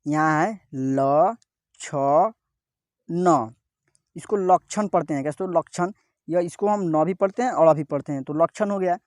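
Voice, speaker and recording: A male teacher giving a step-by-step reading lesson, sounding out each syllable slowly and repeatedly asking his viewers "what, friends?". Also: fairly high pitch, a little mellow, no room sound, studio quality.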